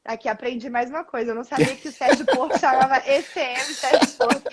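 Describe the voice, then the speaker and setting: A woman's voice: high voice, fairly quick, a loud crowd. A woman hosting a live-stream interview from home over a video call, effusive and laughing often. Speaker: host.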